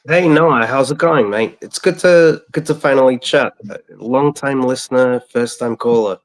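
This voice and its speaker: A man's voice: mid-range voice, normal speed, poor audio. A man, a caller on a show, musing in casual chat with a tentative, meandering delivery.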